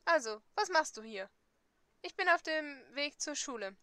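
Frau spricht eine verlegene Schülerin. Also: female voice, high-pitched, expressive, unhurried, bright, forceful tone, dry recording, heavily acted. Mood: defensive. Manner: nervous, defensive. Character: shy, flustered teenage schoolgirl heroine. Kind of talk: dubbing a dating game.

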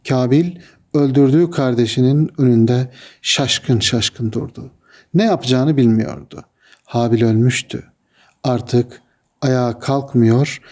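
A man narrating a religious tale in a solemn, measured storytelling manner. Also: medium pitch, mellow.

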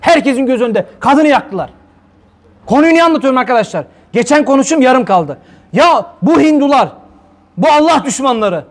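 A male preacher giving a heated religious talk, firing rhetorical questions at his listeners. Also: very high voice. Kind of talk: fiery religious talk to viewers.

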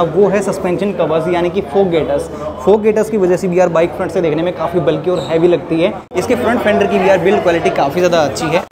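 Fast-talking Indian man reviewing a bike. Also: high-pitched. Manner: chatty, peppers talk with "yaar". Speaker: motovlogger. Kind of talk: casual bike review walkaround. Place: outdoors in a busy urban spot. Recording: noisy outdoor crowd background. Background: crowd and street bustle.

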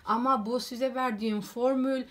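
A woman's voice: a little high, steady tone, normal speed. A woman in a casual how-to home cleaning video, chatting to viewers as friends while she works on a rug at home.

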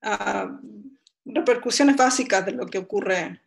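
A young Chilean-accented woman, unhurried and creaky at medium pitch, runs a physics lesson online from her home. She keeps it chatty and self-deprecating, with frequent fillers and restarts. Her laptop webcam picks up the video-call audio indoors.

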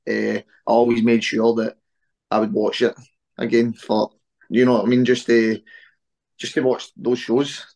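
A Scottish man in his early twenties, a guest speaking casually over a video call, relaxed with lots of "eh" fillers. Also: medium pitch, a little slow, vocal fry, long pauses. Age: 20s. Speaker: interview guest, wrestler. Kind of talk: casual interview chat. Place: small room at home on a video call.

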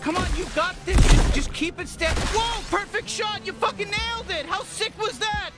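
High-pitched, nervous talking alien gun. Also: male voice, moderate pace, loud music behind the voice. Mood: giddy, excited. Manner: stammering, rambling, excitable, swearing. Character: nervous, excitable, chatty male living alien gun.

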